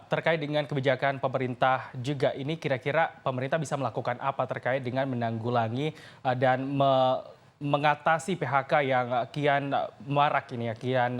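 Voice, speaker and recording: A man anchoring a TV news interview, asking halting questions with filler pauses. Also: mid-range voice.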